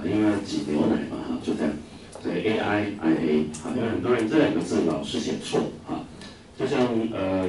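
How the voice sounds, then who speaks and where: A man from Taiwan with a low, darkish voice gives an anecdote-filled English vocabulary lecture. He chats with the class, filling gaps with filler sounds and tossing out questions to students. A faraway mic records the noisy, echoing room.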